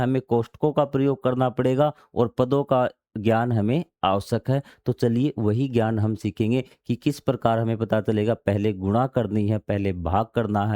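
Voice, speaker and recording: Here a man teaches maths by reading textbook passages and then explaining them simply, answering the questions he himself asks and repeating key steps. His warm, medium-pitched voice is recorded at studio quality with no echo.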